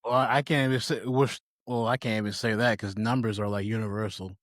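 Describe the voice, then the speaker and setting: A man's voice: lowish voice, steady tone, a little fast, no echo, clean studio sound. A young man co-hosting a casual podcast who laughs often and teases his partner. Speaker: podcast co-host.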